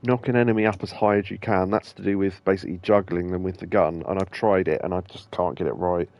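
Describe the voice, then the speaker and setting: A man's voice: sits low, fairly even intonation, quick pace, darkish tone, highs cut off. A man casually talking through a video game he is playing, rambling loosely with lots of ums and restarts. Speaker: gaming streamer and host. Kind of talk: casual let's-play commentary.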